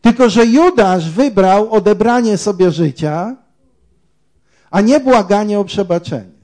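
Slow, mellow-voiced male preacher. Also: high voice, animated. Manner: emphatic, rhetorical questions to the congregation; quotes scripture. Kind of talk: sermon.

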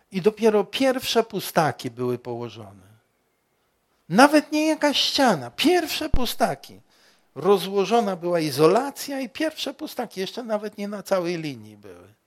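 Slow, emphatic male preacher. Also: high-pitched. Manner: slow, emphatic preaching with rhetorical questions and sudden loud rises. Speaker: pastor. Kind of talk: sermon.

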